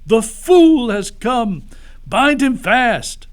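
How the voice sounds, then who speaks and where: A man's voice: extremely high pitch, lively intonation, very slow, pitched above the performer's own voice, exaggerated voice. A man voicing a fierce, cruel witch queen in a storybook read-aloud, commanding and imperious. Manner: imperious, exclamatory.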